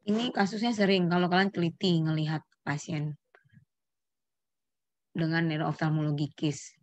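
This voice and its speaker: A woman's voice: low voice, steady tone, moderate pace, no room sound. A middle-aged woman lecturing students on neurology, explaining terms step by step, quizzing the class and correcting herself mid-phrase. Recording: dull lo-fi lecture recording.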